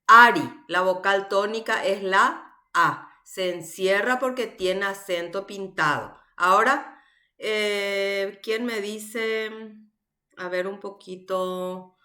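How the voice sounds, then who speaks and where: A woman's voice: medium pitch, takes it slowly, bright, forceful tone. A woman teaching a university language class online, explaining patiently and checking in with her students.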